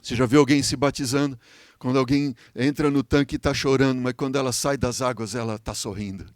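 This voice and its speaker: A Brazilian man preaching a sermon as pastor, telling a story with emotion, swinging from loud appeals to soft, hushed lines and asking the congregation "Amém?". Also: medium pitch, steady tone, a little fast, no room sound. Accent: Brazilian Portuguese.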